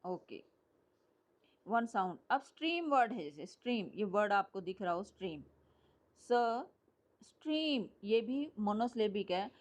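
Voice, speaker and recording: A woman's voice: medium pitch, very animated, moderate pace. A woman giving a lecture to a class, explaining step by step and often checking whether students follow. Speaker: English teacher. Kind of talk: classroom lecture mixing Hindi and English.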